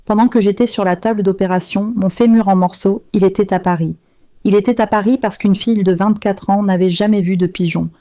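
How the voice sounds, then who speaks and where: A woman narrates a first-person story in a dark, mellow voice, slow and subdued. The sound is dry and close, with no room around it. Her delivery stays measured throughout. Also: medium pitch, no room sound.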